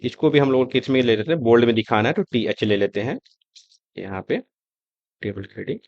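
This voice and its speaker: Man, coding tutor, conversational step-by-step explaining, middle pitch, dry close sound, slightly dull mic. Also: expressive, fairly quick, gravelly, a little mellow, no room sound. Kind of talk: screen-recorded coding tutorial.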